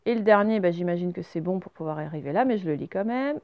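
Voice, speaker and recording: A woman teaching a recorded reading lesson to young children. She explains each word slowly and clearly, step by step. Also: fairly low pitch, animated, dry recording, highs cut off.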